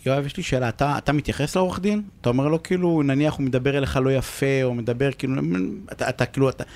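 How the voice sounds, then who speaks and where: A man's voice: mid-range voice, steady tone, darkish tone. A man hosting a radio talk show, speaking casually with lots of fillers. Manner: casual, chatty, heavy use of fillers.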